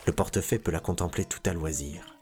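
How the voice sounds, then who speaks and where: A man narrating a literary tale in a measured, expressive reading. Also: low voice. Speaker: storyteller.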